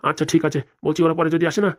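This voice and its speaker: Woman as a stingy old cartoon husband, low and rapid, complaining. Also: level tone. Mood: grumbling. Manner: grumbling and complaining. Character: old male husband, grumbling, stingy, timid.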